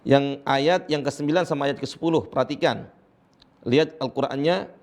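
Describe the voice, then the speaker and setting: A man with an Indonesian accent teaching Quran recitation rules, explaining each point and then chanting the verse slowly for students to repeat. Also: mid-range voice. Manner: asks and answers his own questions, praising students. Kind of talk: tajwid lesson with recited examples.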